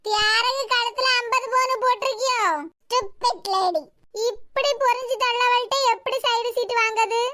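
Woman w/ kanyakumari tamil doing cartoon village ladies, squeaky high and bright, bickering. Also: fairly even intonation, slight background noise. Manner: quarrelsome, rapid banter in high cartoon voices. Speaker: cartoon voice artist. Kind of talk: voicing all cartoon characters.

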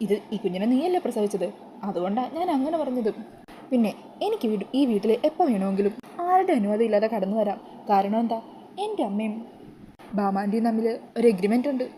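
A woman's voice: mid-range voice, lively intonation, a little fast, dark tone, a little hiss or hum, close to an everyday voice. A woman voicing a sly, manipulative young woman who talks in a coaxing, wheedling way.

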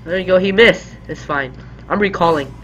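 A man's voice: high-pitched, moderate pace, fairly bright tone, slight background noise, rough recording. A young man with a sore throat giving casual commentary as he plays a video game.

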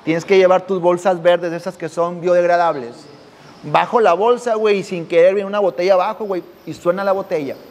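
A man's voice: sits high, fairly even intonation, fairly quick, darkish tone, in a large hall. A man hosting a podcast, telling a personal story in slangy, casual speech. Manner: slangy, drops "güey" constantly, acts out voices. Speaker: podcast host.

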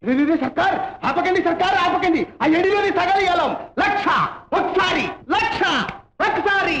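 High-voiced pushy auctioneer yelling bids, echoey old film track. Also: male voice, normal speed, a little hiss or hum. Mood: hawking. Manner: calls out bids, urges buyers on, laughs. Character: loud male slave-market auctioneer, pushy, flattering. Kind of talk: 1950s film dialogue.

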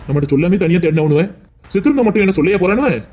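A man's voice: sits high, animated, rapid-fire, darkish tone, faint music behind. A man voicing a stern police officer who asks curt questions in a cartoon drama. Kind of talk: Tamil cartoon voice acting.

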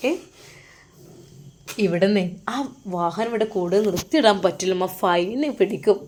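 A woman with a Malappuram Malayalam accent voicing a practical, caring adult son, speaking briskly in a slightly lowered voice. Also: a little mellow, slight background noise, natural voice. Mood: urging.

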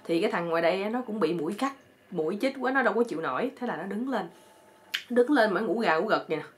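A woman telling a comic story in a lively, chatty way full of exclamations. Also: medium pitch, fast.

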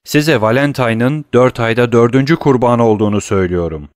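A grief-stricken young lover hurls his accusations with rising, urgent force, as a male audiobook narrator puts him on. His voice sits higher and louder than the narration, pressing every phrase in a dry, close recording. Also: normal speed, no echo, close to an everyday voice. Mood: impassioned. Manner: impassioned, declaiming accusations.

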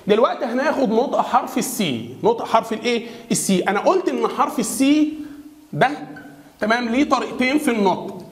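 High-voiced Egyptian man teaching English. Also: expressive, reverberant. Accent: Egyptian Arabic. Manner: repeats questions and has the viewer answer back; slows right down to spell words out. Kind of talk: classroom-style pronunciation lesson.

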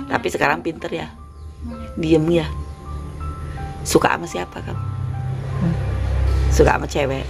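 A woman's voice: low voice, lively intonation, unhurried, vocal fry, long pauses. A woman caretaker, coaxing and scolding in a firm, repetitive, motherly way. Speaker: caretaker at a shelter. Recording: background music over speech.

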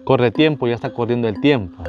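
A man's voice: medium pitch, a little fast, dull audio, faint music behind. A man, a priest, running a Bible quiz for his viewers, asking each question, repeating it, and speaking to them directly.

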